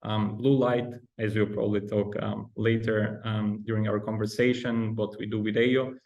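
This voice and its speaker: Speaking at normal speed in a fairly low, darkish voice with flat delivery, a Bulgarian-accented researcher in his thirties is interviewed as a podcast guest. He hesitates often, restarting and saying um. The highs in the audio are cut off.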